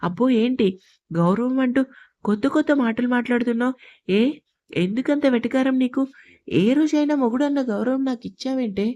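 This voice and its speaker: A bossy, teasing young man in a love story, read out by a woman storyteller. He scolds with fond, mock-threatening warmth. She keeps a slightly high voice close to her own, with little change for the man. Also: normal speed, natural voice. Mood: teasing scolding.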